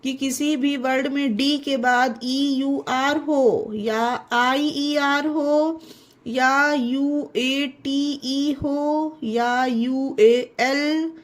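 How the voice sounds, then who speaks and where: Woman, pronunciation teacher, very slow deliberate delivery, spells words letter by letter. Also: high-pitched. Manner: spells words letter by letter slowly, then explains; addresses viewers as friends. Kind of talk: online lesson.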